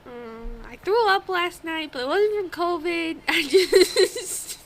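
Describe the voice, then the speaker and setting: A young woman's very high-pitched voice comes slowly through an old home microphone, sounding stuffy and congested. She's a podcast co-host in a casual chat, swearing without restraint and laughing frequently.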